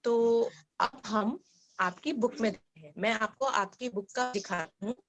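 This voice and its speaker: A woman teacher giving an online lesson to young children, explaining gently and asking them questions. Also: fairly high pitch, measured pace, rough recording. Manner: acts out short dialogue lines.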